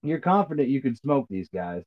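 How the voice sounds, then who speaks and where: A man running a tabletop role-playing game as game master, calling rolls in a relaxed, matter-of-fact way. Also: medium pitch, moderate pace, highs cut off.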